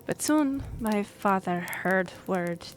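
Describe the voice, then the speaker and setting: In a fantasy roleplay audio drama, a woman voices an earnest young half-elf noblewoman serving as royal envoy. Her medium-pitched voice is animated yet slow, and she addresses the listener formally in a measured, explanatory way, with some awkward hesitation.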